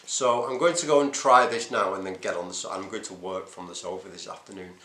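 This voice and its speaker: A man's voice: low voice, fairly even intonation, fast, pushed and bright, echoey room, a little hiss or hum. A man recording a casual, hesitant video diary, thinking aloud as he talks. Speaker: runner vlogging his race preparation.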